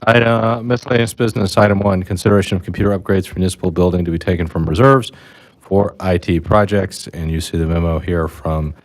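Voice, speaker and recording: A man who is a village board president, running a public meeting in a brisk, procedural way with quick asides. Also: sits low, steady tone, rough recording.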